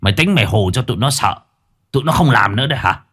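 A man's voice: mid-range voice, animated, quick pace, a bit bright, slightly rough. A man voicing a harsh, domineering older boat owner who scolds sharply. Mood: harsh scolding.

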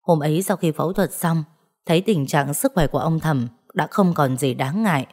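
A woman narrating a ghost story in a steady storytelling manner. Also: low-pitched, moderate pace. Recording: faint background music.

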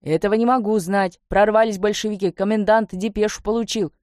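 A woman's voice: medium pitch, steady tone, brisk, darkish tone, no room sound, clean studio sound, natural voice. A woman voicing a fierce armed horseman who barks orders in broken, clipped speech. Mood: commanding. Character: fierce armed horseman, grown man, loyal to his word.

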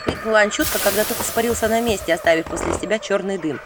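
A woman reading a storybook aloud in a lively, flustered first-person telling. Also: mid-range voice, fast, noisy background. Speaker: audiobook reader. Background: background music.

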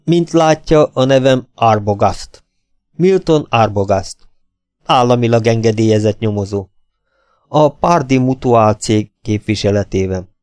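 A man voicing a calm middle-aged private detective in an audiobook, speaking in a cool, measured way. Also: mid-range voice, clear, resonant tone, no echo, studio quality, lightly acted. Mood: cold.

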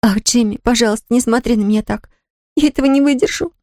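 A woman's voice: fairly high pitch, quick pace, mellow, no echo, studio quality, pitched above the performer's own voice, close to an everyday voice. A woman voicing a distraught young woman who pleads in a trembling voice, near tears.

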